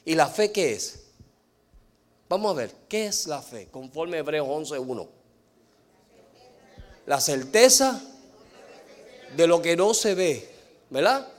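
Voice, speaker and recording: A man preaching a sermon, asking the congregation questions and answering them himself, slowing down to stress key words. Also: on the high side, very animated. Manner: mixes in English fillers.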